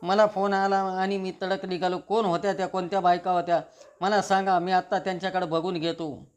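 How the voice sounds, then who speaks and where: A man's voice: sits high, flat delivery, a little fast, clean tone, natural voice. A man reading the lines of a protective son who angrily demands to know who insulted his mother. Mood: indignant. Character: angry, protective grown son.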